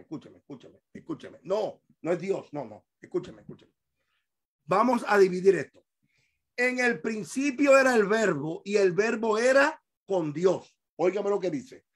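A high-pitched male pastor leads a Bible study for his congregation in a church hall, preaching and teaching in Spanish. He repeats key words, quizzes the listeners, and shifts between hushed asides and shouted emphasis.

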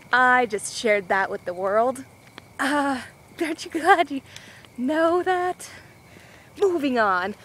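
A woman's voice: fairly high pitch, a bit bright, slight background noise, poor audio. Giggly, rambling young woman vlogging. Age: young adult. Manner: scatterbrained and giggly. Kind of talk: rambling casual vlog. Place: outdoors walking.

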